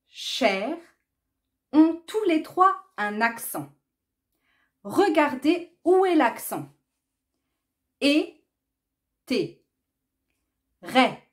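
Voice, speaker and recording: A woman teaching a language lesson, speaking slowly and deliberately and stressing words to demonstrate them. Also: on the high side. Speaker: French teacher. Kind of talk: slow, clear language lesson.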